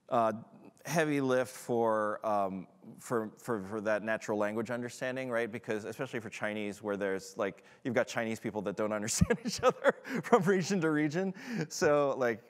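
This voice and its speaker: In a large conference hall with long reverb, a man with a clear, resonant, lowish voice fields audience questions at a tech conference. His answers are loose and casual, full of fillers and false starts.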